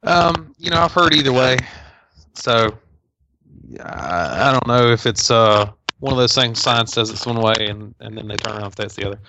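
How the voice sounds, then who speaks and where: A man's voice: medium pitch, normal speed. A man chatting hesitantly as a podcast co-host, his voice crackling through a wireless mic with a loose connection. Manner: hesitant, searching for words. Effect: crackly, cutting-out wireless mic with a loose connection. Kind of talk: casual chat. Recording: dull crackly wireless mic with clicks and faint hiss.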